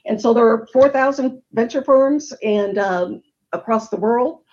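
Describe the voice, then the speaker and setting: An unhurried, fairly high and slightly mellow voice comes from a middle-aged woman on a supplier diversity webinar panel. She earnestly walks through a problem, listing figures and statistics, while the recording has its highs cut off.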